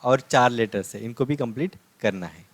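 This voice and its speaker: A man's voice: mid-range voice, moderate pace, dry recording. A man teaching a language lesson, drilling letters and syllables one by one and explaining how to pronounce each.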